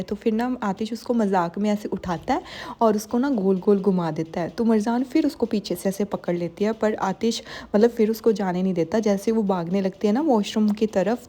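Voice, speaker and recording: A woman's voice: mid-range voice, warm tone. A young woman casually retelling a drama's plot, chatty and full of fillers, quoting the characters as she goes. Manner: chatty, filler-heavy retelling with quoted dialogue. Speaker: drama recap narrator. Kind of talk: casual storytelling recap.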